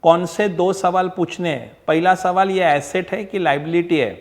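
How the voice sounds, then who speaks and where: Male tutor, fairly high voice, pleading, repetitive online lecture delivery. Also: fairly even intonation, moderate pace. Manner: coaxing, repetitive, mixes Marathi, Hindi and English; acts out student replies. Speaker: accounts teacher.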